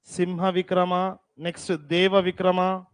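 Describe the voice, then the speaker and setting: A man teaching a class, dictating terms slowly and repeating them, with teasing scolds, in a classroom. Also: high voice, completely flat delivery, smooth, dry recording.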